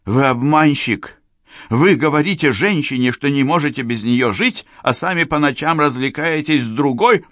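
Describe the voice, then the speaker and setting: A man doing a shrill, indignant society lady. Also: measured pace, fairly bright tone, dry recording, clean studio sound. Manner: raised, shrill accusing tone. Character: indignant society woman, theatrical, scolding.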